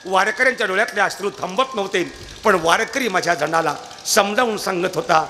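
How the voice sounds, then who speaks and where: A man's voice: high-pitched, a little fast, pushed and bright. A man preaching a devotional kirtan, telling the story dramatically and calling out to his listeners at a live festival. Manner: emotional, dramatic, calls out to the audience. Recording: noisy live event recording.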